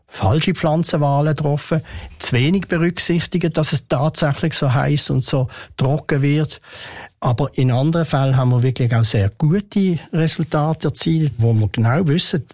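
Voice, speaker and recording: An older man answers questions in a calm, measured way. He hesitates often as he thinks aloud, at an ordinary pitch for a man. The sound is close and dry, with no room echo. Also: husky. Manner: measured, thoughtful, with frequent hesitations. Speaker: head of city tree and green space department, interviewee. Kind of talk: radio interview answers.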